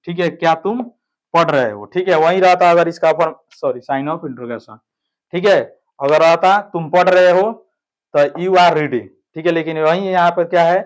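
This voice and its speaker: Guy teaching an online grammar class, slightly high voice, keeps asking ok?. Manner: explains step by step, keeps checking with "ठीक है".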